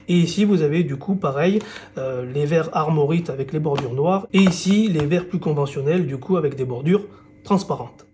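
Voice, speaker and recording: Relaxed, mellow-voiced man reviewing gadgets. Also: on the high side, slight background noise. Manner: casual, relaxed, with many fillers. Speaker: tech reviewer. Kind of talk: product presentation and unboxing.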